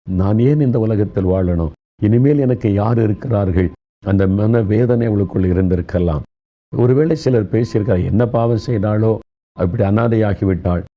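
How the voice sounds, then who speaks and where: A man preaching a sermon, speaking gently and consolingly, addressing listeners directly. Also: low-pitched, muffled recording.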